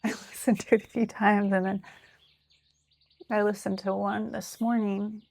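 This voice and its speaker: A woman's voice: medium pitch, flat delivery, unhurried, creaky, a little mellow. A woman talking casually and candidly, reading from her notes and thinking aloud, with lots of fillers and some swearing. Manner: candid, rambling, swears freely.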